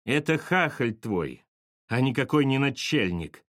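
A man voicing a hoarse, hot-headed brawler who growls threats. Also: on the high side, expressive, very slow, sharp tone, no echo, studio quality, pitched above the performer's own voice, full character voice. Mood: sulky.

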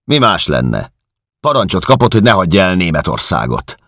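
A man voicing a hulking, bullying male officer who shouts with contempt. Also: deep voice, very animated, no room sound, studio quality, voice pushed up, full character voice. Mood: angry bullying.

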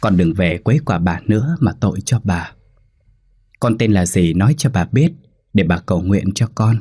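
A soft-spoken, devout old grandmother who coaxes and soothes in a low, husky tone, as a male narrator voices her. Her words come gently and unhurried. She is a character in a spoken ghost story. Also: lively intonation, no room sound. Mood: soothing. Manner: gentle, coaxing.

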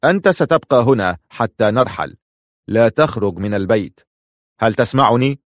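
A harsh Mamluk master in his middle years barks orders and threats, as a male narrator puts him on. The voice sits low and firm. It is recorded close and dry with no room sound. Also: a little fast, no room sound, lightly acted. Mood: stern. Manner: commanding, threatening.

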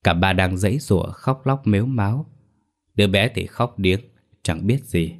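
Man, very low voice, horror story narration, measured and slow.

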